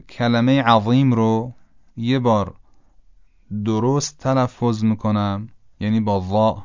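Patient male recitation teacher, resonant low voice, dry muffled recording. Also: smooth, dry recording. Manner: patient and precise, models words slowly. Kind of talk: pronunciation lesson.

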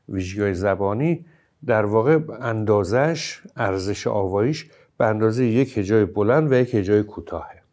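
A man teaching poetic meter, explaining slowly and stressing example syllables, with hesitant fillers between points. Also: fairly low pitch, a little mellow. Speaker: teacher of Persian poetry.

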